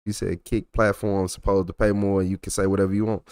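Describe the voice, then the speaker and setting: In a low-pitched, fast, flat delivery, a young adult man with a thick Texas accent chats loosely on a livestream and reacts to his chat. His tone is clear, resonant and a little mellow. The recording is dry, clean studio sound.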